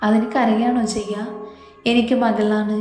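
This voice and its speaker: Woman reading motherly middle-aged mother-in-law, reassuring, mellow, echoey room with music. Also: on the high side, level tone, measured pace, natural voice. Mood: affectionate. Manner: gentle, reassuring.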